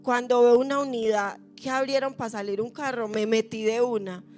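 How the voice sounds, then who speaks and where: Woman pastor, fairly high voice, lively storytelling sermon, soft music underneath. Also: moderate pace. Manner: lively storyteller acting out her own quoted fears. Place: church.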